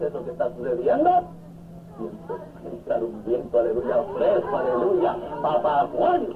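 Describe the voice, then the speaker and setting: A man preaching a sermon, telling the story with drama and jumping high on his exclamations. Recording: tinny lo-fi 1970s recording with faint noise.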